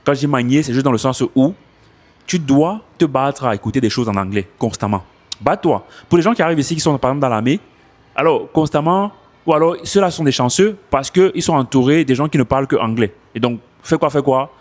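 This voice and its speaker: A man's voice: medium pitch, a little fast. Man giving casual advice into a phone. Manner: animated, repeats himself for emphasis. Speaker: English coach.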